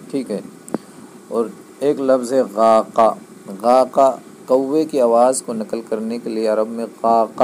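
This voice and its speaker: A man's voice: medium pitch, a little mellow, a little hiss or hum, poor audio. A man teaching a grammar lesson, explaining patiently and checking that his students understand. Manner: patient, repeats key points, checks understanding.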